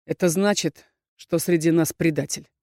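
A woman doing a cold, stern dark elf man. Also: medium pitch, lively intonation, moderate pace, no room sound, studio quality, natural voice. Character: cold suspicious male dark elf student.

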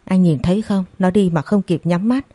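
A woman's voice: on the low side, moderate pace, dark tone, dry recording, natural voice. A woman voicing a devastated older father. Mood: lamenting. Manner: lamenting, wailing questions. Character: devastated older father mourning his son.

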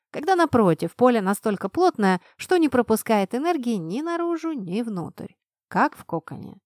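A woman's voice: mid-range voice, darkish tone, no echo, clean studio sound, natural voice. A woman voicing a friendly, knowledgeable young man. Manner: friendly, explanatory. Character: helpful, knowledgeable young male student. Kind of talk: audiobook narration.

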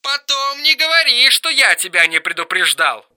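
A man voicing an erratic, mocking young man on the phone in an audiobook reading, shrill and teasing. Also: exaggerated voice. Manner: shrill, teasing, quick swings to flat calm.

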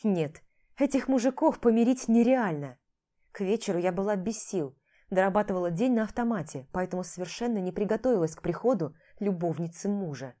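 A woman's voice: medium pitch, lively intonation, brisk, mellow. A woman narrating a novel in the first person, with a tired, sardonic edge in the lead's lines. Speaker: audiobook narrator.

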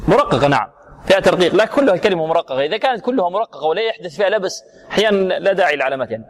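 A man teaching Quran recitation rules, slowly repeating syllables and quizzing his students. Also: sits high, lively intonation. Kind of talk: tajweed lesson with students.

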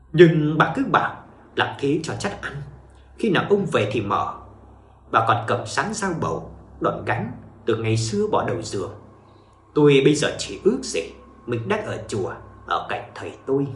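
A man narrating a ghost story in a dramatic, animated storytelling manner, in an echoey room. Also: mid-range voice.

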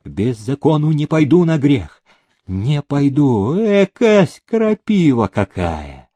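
A fierce young serf woman, stubborn and unbowed, shouting her refusals in an audiobook as a male narrator puts her on. Her voice is a little raised and lively in pitch, recorded close and dry. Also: slow, no echo, heavily acted. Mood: defiant.

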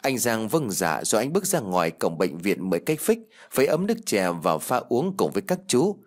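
A male storyteller reading a ghost story in a plain, steady way. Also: lowish voice, fairly quick. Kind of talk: scripted horror story narration.

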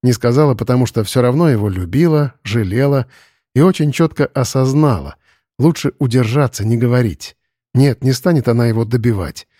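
A man reading a story aloud as narrator, calm and measured. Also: mid-range voice, no room sound, clean studio sound. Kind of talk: audiobook narration.

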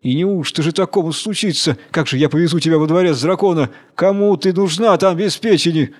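A man's voice: on the high side, fairly quick, natural voice. A man voicing a foolish, talkative female jellyfish in a fairy tale. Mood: alarmed. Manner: chatty, teasing.

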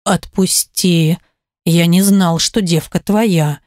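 Woman voicing a low, slow-drawling arrogant man, audiobook menace. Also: fairly even intonation, darkish tone, no room sound, clean studio sound. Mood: smug. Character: smug menacing male rival, slow and low. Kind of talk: audiobook character reading.

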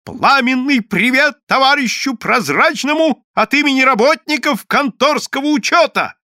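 A man voicing a brash, pushy male official who shouts and bosses people about. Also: high voice, wildly swooping pitch, normal speed, no room sound, studio quality, voice pushed up, exaggerated voice. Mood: shouting. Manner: shouting, bossy.

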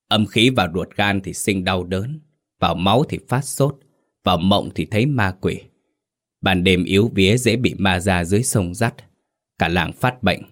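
Brief: a man doing a grave exorcist master, deep, deliberate, commanding. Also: natural voice.

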